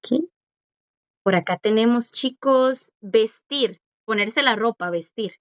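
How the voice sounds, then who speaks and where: A woman with a fairly high voice teaches a language class slowly, patiently quizzing her students and encouraging them with praise for their answers. The audio is dry with no echo, dull and lo-fi.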